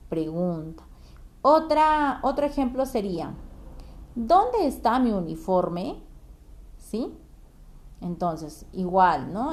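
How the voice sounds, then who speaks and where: A woman teaching a grammar lesson to children, patient and careful, often checking in with a quick question. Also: medium pitch, dark tone. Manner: slow, careful explaining with fillers and restarts.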